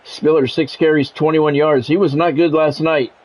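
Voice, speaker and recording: Slightly high and a little mellow, this man's voice keeps a fairly even intonation at normal speed as he streams live play-by-play of a football video game. He breaks it up with grumbling, plain-spoken chat, and the recording quality is low.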